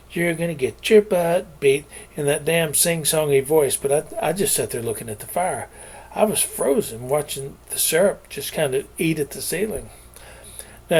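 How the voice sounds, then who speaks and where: A man's voice: on the high side, a little mellow, breathy edge. A middle-aged man, reading his own novel aloud and telling its backstory in a folksy way. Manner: folksy storytelling with homespun sayings. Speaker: author.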